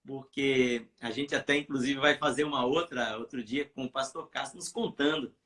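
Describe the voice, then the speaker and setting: A man's voice: mid-range voice, moderate pace, fairly bright tone. A Brazilian man hosts a church live stream in a loose, chatty way. He rambles, restarts his sentences and leans on fillers as he talks. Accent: Brazilian Portuguese.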